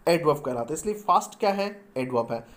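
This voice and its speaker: A man teaching a grammar lesson, who keeps asking the class questions and answering them himself and slowly spells out example sentences. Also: fairly high pitch, expressive, a bit bright.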